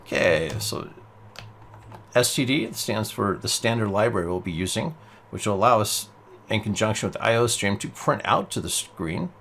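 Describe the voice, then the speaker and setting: Man, lowish voice, patient step-by-step coding teacher, keys clacking, faint hiss. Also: lively intonation, moderate pace, gravelly, fairly bright tone. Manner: patient, explains step by step while typing. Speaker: programming teacher. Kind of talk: screen-recorded coding tutorial.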